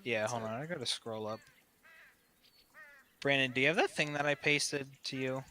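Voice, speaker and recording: Bright-voiced man running a tabletop game. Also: medium pitch. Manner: halting, improvising. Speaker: game master. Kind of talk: casual tabletop game narration.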